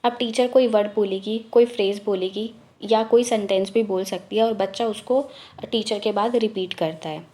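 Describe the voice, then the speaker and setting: A woman teaching a lesson, explaining each point step by step and reading English headings slowly and deliberately. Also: medium pitch. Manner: steady step-by-step explaining with many fillers. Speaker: teacher-training tutor.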